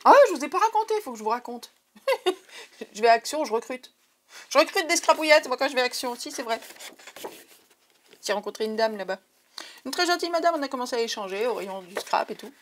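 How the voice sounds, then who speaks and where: This woman talks quickly and animatedly in a fairly high voice with a French accent. She's a craft vlogger chatting casually with her viewers during a haul video, often wandering off on tangents.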